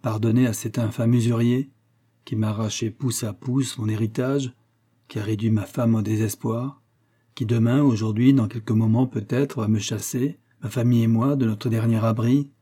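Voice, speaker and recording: A man voicing a bitter, hot-tempered nobleman in an audiobook, speaking in vehement, indignant outbursts with a husky, dark voice. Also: medium pitch, fairly even intonation, normal speed, lightly acted. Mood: angry. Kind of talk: audiobook character reading.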